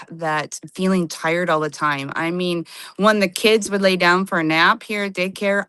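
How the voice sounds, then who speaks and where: A woman in her fifties speaks over a video call, earnest and a little halting, filling pauses with ums. Her voice sits low and smooth. The sound is dry and close. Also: bright, forceful tone, no echo. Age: 50s. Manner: earnest, halting, many fillers. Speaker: testimonial guest. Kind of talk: casual personal testimony on a livestream.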